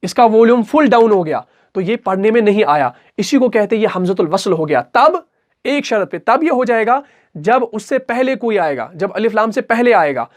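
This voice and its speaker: High-voiced man teaching recitation rules. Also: big pitch swings, moderate pace. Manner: patient, repetitive, asks and answers his own questions. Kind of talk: explanatory recitation lesson.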